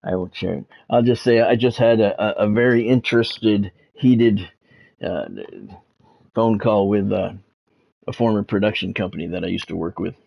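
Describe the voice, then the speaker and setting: Hosting a casual livestream, this man gives sports news in a low voice with vocal fry, fairly even intonation, and normal speed, over lo-fi sound. A former radio play-by-play announcer, he keeps stopping to repeat words and phrases.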